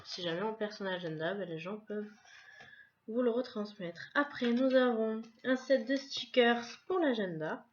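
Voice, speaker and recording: A woman's voice: fairly high pitch, moderate pace, lo-fi sound, slight background noise. A woman casually presenting a subscription box in a vlog, describing each item one by one in a chatty way. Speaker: vlogger unboxing a subscription box.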